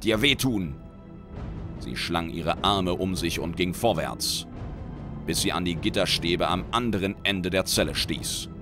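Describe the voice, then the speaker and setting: Deep-voiced male narrator, dramatic measured read, music bed. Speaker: reader and lore commentator. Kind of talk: reading a fantasy short story aloud. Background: background music.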